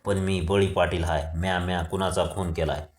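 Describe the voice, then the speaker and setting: A man's voice: deep voice, level tone, normal speed, reverberant, close to an everyday voice. Man reading as an angry arrested village strongman. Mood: furious. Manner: shouting, pleading.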